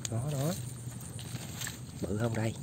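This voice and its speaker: Out in flooded rice fields, a fishing and trapping vlogger checks his lines and traps while chatting casually to viewers, addressing them throughout. His voice is fairly low and slow, with heavy background noise.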